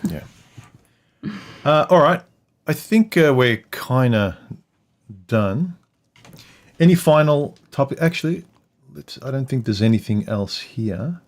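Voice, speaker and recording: A man's voice: mid-range voice, lively intonation, takes it slowly, pauses often. A man co-hosting a casual livestream chat with his wife, rambling, losing his train of thought and swearing casually. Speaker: co-host of a couple's livestream. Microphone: livestream microphone.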